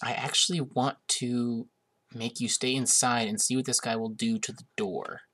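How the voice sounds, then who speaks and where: A young man hosts a casual let's-play, getting over a cold and a bit sniffly as he chats while playing. He's amused and chatty but hesitant, with many uhs. His mid-range voice is a bit bright, with fairly even intonation at a moderate pace.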